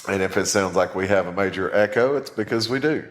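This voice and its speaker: Low-voiced man in a cave-like echoey room. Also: fairly quick. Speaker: podcast host. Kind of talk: casual chat. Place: empty room in a new house.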